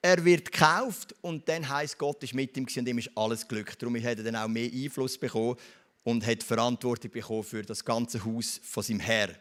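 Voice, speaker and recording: A man with a Swiss German accent preaching a sermon, retelling a story and turning often to speak straight to his listeners with quick tag questions. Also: mid-range voice, steady tone, fairly bright tone.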